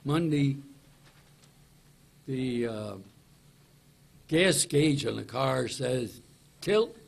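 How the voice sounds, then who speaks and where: Creaky old man rambling through a story. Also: medium pitch, extremely slow. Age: 80s. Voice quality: creaky, husky elderly voice. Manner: plain-spoken, folksy, meandering step-by-step telling. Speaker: survivor telling his story at a news conference.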